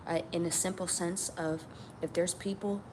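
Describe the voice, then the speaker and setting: A woman's voice: fairly low pitch, normal speed. A woman from New Mexico speaking out in a casual vlog, emphatic and repetitive, swearing now and then. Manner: emphatic, repeats lines, swears. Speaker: tarot channel vlogger. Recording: steady background ambience noise.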